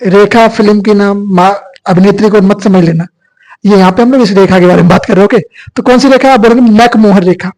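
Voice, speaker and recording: A male teacher leads an exam coaching lecture in a high, darkish voice at a quick pace, captured on a low-quality recording. He keeps posing questions and answering them himself in a repetitive call-and-response style.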